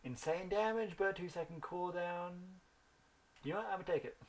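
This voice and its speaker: A man's voice: sits high, moderate pace. A young man rambling through a story while thinking aloud about the game he is playing. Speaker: gaming video host. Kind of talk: casual gameplay commentary.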